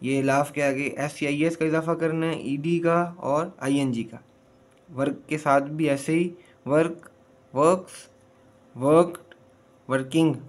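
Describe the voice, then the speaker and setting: A man from Pakistan, teaching a textbook lesson slowly. He reads English lines and then explains them in Urdu. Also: a little high, steady tone.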